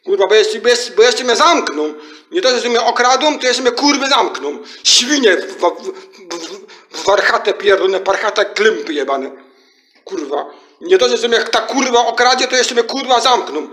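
A man, an amateur video maker, delivering an angry rant to the camera, swearing over and over and shouting. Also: high-pitched, expressive, normal speed. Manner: furious, repetitive swearing, shouting. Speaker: amateur YouTuber. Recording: echoey room.

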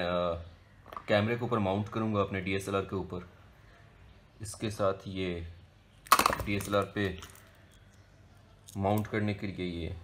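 A young man vlogs casually, chatting with viewers as if they were friends in a relaxed travel and shopping video shot on the street, in a shop and at home. His voice sits fairly low, with a little hiss or hum in the audio.

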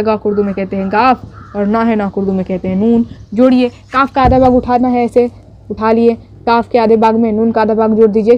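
A woman teacher explaining a writing lesson slowly and patiently, repeating each step and checking in with her students. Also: a little high, a little hiss or hum. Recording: dull lo-fi audio.

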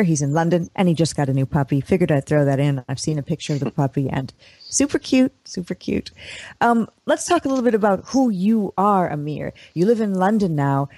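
A woman's voice: low-pitched, warm tone. A woman co-hosting a talk podcast, chatting casually and introducing her guest. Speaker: podcast co-host.

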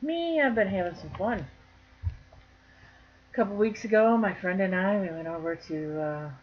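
A woman's voice: mid-range voice, normal speed, muffled recording. Chatty woman vlogging, folksy and joking. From northern Michigan. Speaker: crochet vlogger. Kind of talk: casual chat to camera.

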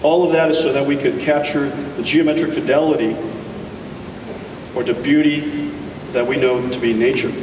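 A man giving an enthusiastic tech keynote on a conference stage, speaking deliberately with emphatic pauses. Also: mid-range voice, fairly even intonation, recorded from a distance, background noise. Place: large conference hall stage. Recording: echoey hall taped from audience.

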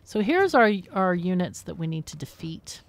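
A woman with a lowish, very animated voice speaks at a moderate pace while hosting a gaming video. She thinks aloud casually and explains things as she plays.

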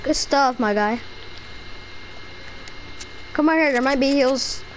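High-pitched, slangy bro-talking young-sounding gamer. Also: takes it slowly, a little hiss or hum, poor audio. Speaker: video game player. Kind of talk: excited casual gaming chat with squadmates.

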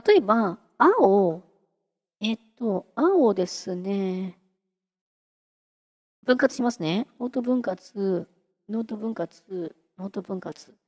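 A woman hosting a casual software tutorial, chatty and giggly, talking her way through a live demo. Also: medium pitch, animated, slow pace, pauses often, in a large hall. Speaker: VTuber host teaching singing-synth software.

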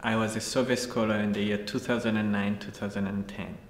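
A man in his forties from Rwanda, answering interview questions in a measured, thoughtful way. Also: on the low side, flat delivery, a little hiss or hum. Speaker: parliamentary staffer, program alumnus. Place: indoor room with shuttered window. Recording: echoey room with faint ambience.

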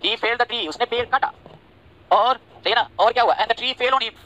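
Over dull audio, a man with a very high, sharp voice teaches English vocabulary in a live online lecture in Hindi and English. He speaks quickly and checks again and again that students follow, firing off "ठीक है?" and "समझे?" while scolding and teasing them by name.

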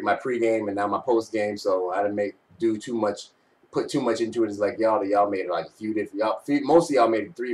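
A man's voice: fairly low pitch, a little mellow. Young man, slangy sports talk, slightly distant mic. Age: young adult. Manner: slangy, teasing trash talk. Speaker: sports fan vlogger. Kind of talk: casual postgame commentary. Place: small bedroom, indoors. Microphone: webcam at arm's length.

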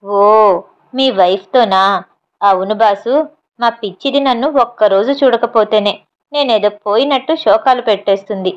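A woman's voice: a little high, normal speed, lightly acted. A woman voicing a fearful, bumbling village man who pleads and asks naive questions, on a slightly dull recording. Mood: timid pleading. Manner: pleading, timid.

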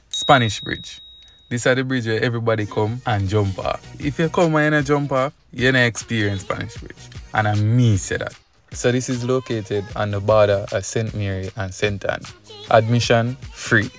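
A man's voice: medium pitch, moderate pace. A young Jamaican man with a Jamaican accent, chatting casually into a phone held at arm's length while touring outdoors, upbeat and talkative, now and then breaking into song. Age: young adult. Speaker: travel vlogger. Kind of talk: casual travel vlog. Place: outdoors at a river and seaside park. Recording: outdoor phone audio under loud music.

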